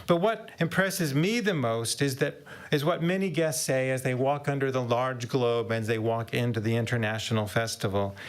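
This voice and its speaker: An older man reading a prepared statement, steady and measured, as a public commenter at a county hearing. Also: medium pitch.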